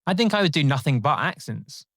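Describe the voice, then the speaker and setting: A man's voice: on the high side, very animated, brisk, a bit bright, dry recording, clean studio sound. Wry rambling male podcast host. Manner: wry and rambling, with frequent laughs. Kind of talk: casual comedic chat.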